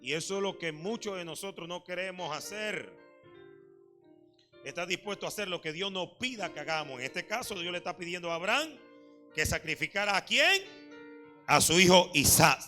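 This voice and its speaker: A man preaching a sermon at a church service, pressing his points through repeated phrases and questions put to the congregation. His voice sits high and rings with a sharp, very bright edge. Soft instrumental music plays quietly behind him. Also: lively intonation, moderate pace. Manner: repetitive rhetorical questions to the congregation. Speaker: pastor.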